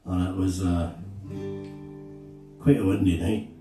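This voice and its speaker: A Scottish man, a singer-songwriter, telling a story between songs at a live gig in a slow, halting, reflective way. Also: deep voice, fairly even intonation. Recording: echoey room, distant mic, guitar behind.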